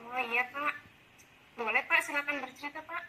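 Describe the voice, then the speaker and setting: A woman's voice: high-pitched, normal speed, sharp tone, slight background noise, low-quality recording. Polite woman coaching a teacher. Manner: polite, encouraging, many affirmations. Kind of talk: role-played coaching session.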